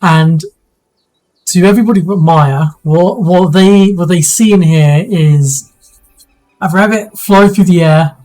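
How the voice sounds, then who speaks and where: A man narrating a tabletop game as game master, his overly loud home mic clipping and distorting. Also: high-pitched, faint music behind. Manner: halting, full of restarts and fillers.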